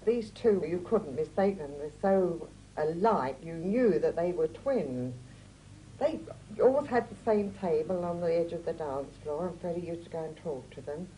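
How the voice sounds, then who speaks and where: A woman's voice: on the low side, expressive, moderate pace, mellow, slight background noise, low-quality recording. A woman interviewed about her late husband, recounting memories and acting out the dialogue of her story. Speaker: interviewee, widow of the subject.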